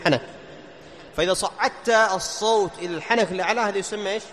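A man teaching Quran recitation rules, asking his class questions, answering them himself and slowly chanting verses as examples. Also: high voice, fairly bright tone. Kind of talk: tajweed lesson explaining letter articulation. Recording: long hall reverb, faint background noise.

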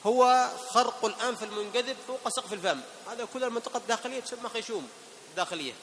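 A man teaching tajweed to a class, patiently asking his students questions and slowly demonstrating the pronunciation of words. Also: very high voice, a bit bright, in a large hall, slight background noise. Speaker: Quran recitation teacher.

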